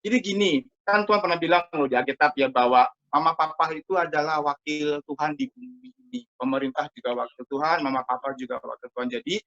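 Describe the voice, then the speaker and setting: A man teaching a Sunday school Bible story to children in a lively, chatty way, talking to them directly over a video call. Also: a little high, fast, few pauses. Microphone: computer mic over a video call. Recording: muffled lo-fi video call audio.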